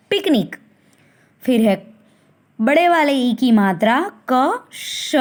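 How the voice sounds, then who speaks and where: A woman teacher with a high voice, leading a recorded lesson for young children. She speaks at an unhurried crawl, drawing each syllable out carefully so the class can follow and repeat after her. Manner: slow, deliberate, stretching syllables to model pronunciation. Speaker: primary school teacher.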